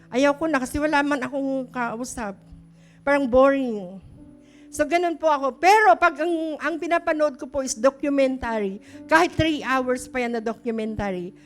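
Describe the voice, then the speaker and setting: A woman's voice: high-pitched, moderate pace, faint music behind. A middle-aged woman pastor, preaching a chatty, story-filled sermon that often questions the congregation. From Philippines.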